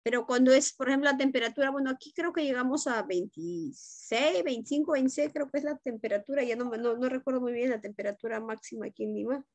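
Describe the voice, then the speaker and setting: A woman's voice: sits high, fast, hardly any pauses, no room sound. A woman teacher leads an online class, correcting students' pronunciation and checking in often. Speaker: English teacher. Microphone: video call.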